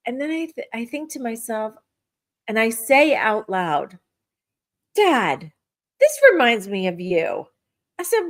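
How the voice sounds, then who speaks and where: Middle-aged woman, podcast guest, animated storyteller who voices her own quotes. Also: fairly high pitch. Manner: lively, animated retelling with acted-out quotes. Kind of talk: personal storytelling in casual chat.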